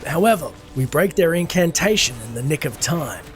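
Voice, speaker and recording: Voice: mid-range voice, lively intonation, moderate pace, faint music behind. A narrator telling a video game's story in formal, scripted storytelling style. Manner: formal storytelling in first person plural.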